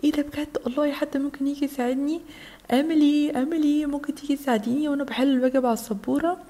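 A woman's voice: sits high, fairly even intonation, very fast, dark tone, lightly acted. Woman playing a shy schoolboy doll, egyptian arabic accent, coaxing, speedy. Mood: eager.

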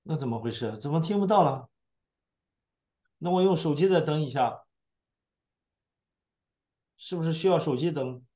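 A man's voice: a little high, lively intonation, moderate pace, pauses often, mellow. Man repeating sound checks on a call. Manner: repeats himself, fussing over the connection. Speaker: panelist joining remotely. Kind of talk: casual audio check. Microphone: phone on a video call.

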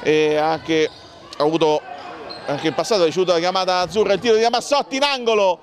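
Guy doing live handball commentary, high voice, excitable, gym noise behind him. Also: fast. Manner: excitable, calling out names and goals in bursts. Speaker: sports commentator.

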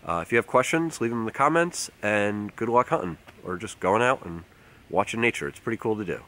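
A man, casually explaining outdoor tips to the camera in a relaxed way, recorded outdoors in a forest. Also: lowish voice, brisk. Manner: relaxed, explanatory, uses fillers like um and like. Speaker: outdoors channel host. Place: outdoors in a leafy winter forest.

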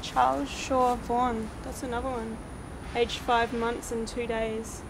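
A woman's voice: on the high side, level tone, a little slow. Young woman vlogging in a cemetery at night. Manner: chatty, reading out names from headstones. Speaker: paranormal vlogger host. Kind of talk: casual night exploration vlog. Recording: noisy outdoor night recording.

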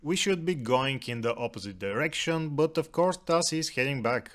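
Calm man narrating a cat hike. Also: medium pitch, moderate pace. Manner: dry, gently humorous.

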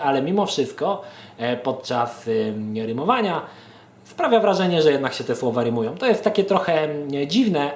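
A man talks casually to his viewers, handing out rhyming advice in a hesitant, stop-start way full of filler sounds. His voice sits at a middle pitch. The recording carries a noticeable room echo. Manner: hesitant, many filler sounds and restarts, addresses viewers affectionately. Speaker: amateur rapper and vlogger running a verse contest.

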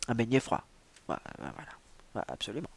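A man's voice: medium pitch, very animated, fairly quick, vocal fry, breathy edge. A man reading a novel aloud, breaking off into digressive, teasing asides full of stock fillers. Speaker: reader and host.

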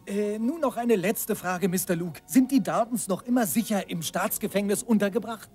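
A man's voice: high voice, moderate pace, darkish tone, lightly acted. A man voicing an inquisitive, admiring, bookish journalist who speaks formally in a dubbed cartoon. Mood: eager, curious. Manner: formal, eager questioning. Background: music.

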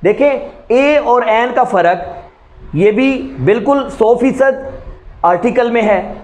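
A man gives a spoken-English grammar lesson in a high voice. He explains each rule step by step and keeps putting questions to his students. He speaks as a teacher recording a lesson video. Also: slow, a little mellow.

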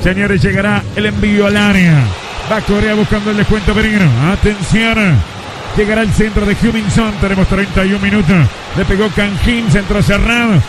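A man with a Uruguayan accent giving excited live radio football commentary, repeating words in bursts and drawing out his calls. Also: high-pitched. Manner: excitable, repetitive rapid-fire phrasing. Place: live sports radio broadcast, noise behind the voice. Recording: very noisy AM radio match broadcast.

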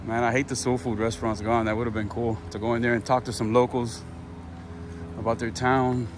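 Speaking fairly quickly in a flat, mid-range voice, a man tours a small town for his travel vlog, chatting casually and exclaiming in wonder at his surroundings. Music plays in the background, and the outdoor audio is noisy with vehicles and ambient sound.

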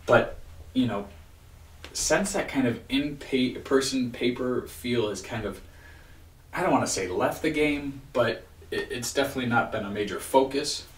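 A man in his thirties giving a casual, rambling video-diary rant, weary and frustrated, with halting restarts. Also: medium pitch. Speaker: vlogger. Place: small home room with bookshelf, indoors. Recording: roomy echo, distant microphone.

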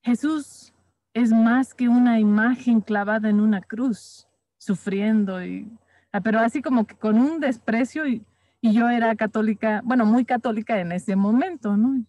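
A woman leading a Bible study group, calmly and thoughtfully telling a reflective story from her university years. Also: fairly high pitch, moderate pace, no echo. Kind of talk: reflective anecdote in group discussion.

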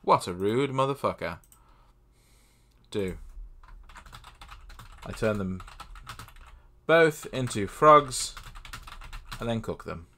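A young man casually playing a text adventure, reading the game's text aloud and adding deadpan, self-mocking asides at a desk mic. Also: on the low side, takes it slowly, long pauses, slight background noise. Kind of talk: casual let's-play commentary.

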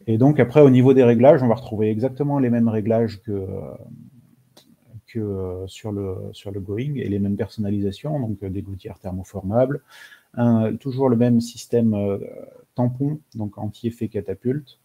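A man presenting in an online webinar, pausing often with fillers and restarts as he explains. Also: on the low side, fairly even intonation, warm tone, slightly rough. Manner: halting, many fillers and restarts. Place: webinar call.

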